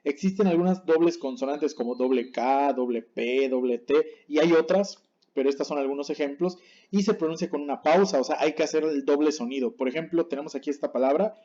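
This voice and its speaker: A man teaching a pronunciation lesson over a dull, lo-fi recording, his voice mellow and a little higher than most men's. He is patient, repeats each word slowly to set right against wrong, and keeps checking in with his viewers. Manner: checks in with the class often. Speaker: language teacher. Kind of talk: explaining Japanese pronunciation on screen.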